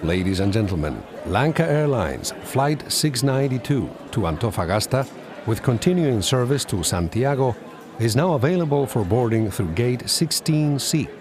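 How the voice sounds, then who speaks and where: A man's voice: medium pitch, expressive, normal speed, crowd noise. A man making polite, formal airline boarding and delay announcements. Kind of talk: scripted announcement for a listening exercise.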